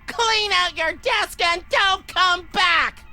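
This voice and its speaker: An actor playing a bratty, gleefully evil young prince of hell in a video game, with drawn-out, gloating delivery. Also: extremely high pitch, pushed and bright, full character voice. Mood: smug, scornful. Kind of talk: video game character acting. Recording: music behind the voice.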